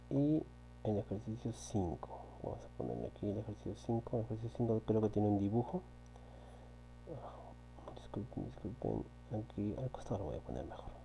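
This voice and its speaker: A man's voice: fairly low pitch, vocal fry, dark tone, low-quality recording. A man teaching a physics class, patiently repeating key points and often checking with his students. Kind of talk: recorded online class walking through exercises. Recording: faint electrical hum.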